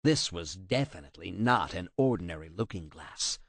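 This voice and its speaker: Male audiobook narrator, lowish voice, lively dramatic reading, dry close sound. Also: moderate pace, no echo.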